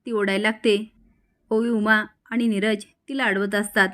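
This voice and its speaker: A woman retelling a TV serial episode in steady storytelling narration. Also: medium pitch, moderate pace.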